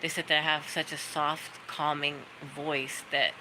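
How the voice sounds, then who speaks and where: On her livestream, a middle-aged host talks to viewers in a chatty, friendly manner, wandering from one story to the next. Her low voice shows little pitch movement and keeps a measured pace, while dogs bark amid the background noise.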